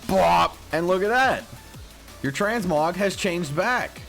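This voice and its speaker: Excitable man with a cracking morning voice. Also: sits high, takes it slowly. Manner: rambling, self-deprecating, excitable. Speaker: gaming YouTuber. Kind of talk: casual gameplay commentary. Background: faint music stream.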